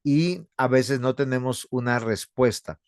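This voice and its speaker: A man teaching a seminary class as a pastor, unhurried and earnest, calling his students brothers and sisters. His voice sits in an ordinary middle range. The sound is dry and close to the mic. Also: medium pitch, clear, resonant tone, dry recording. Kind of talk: online theology lecture with class discussion.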